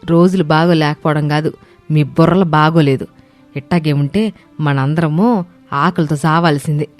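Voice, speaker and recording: Give me a woman doing a scolding old mother-in-law in a cartoon, with a deep voice. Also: darkish tone, faint music behind, lightly acted. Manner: scolding, quick. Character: older village mother-in-law, sharp-tongued and scolding.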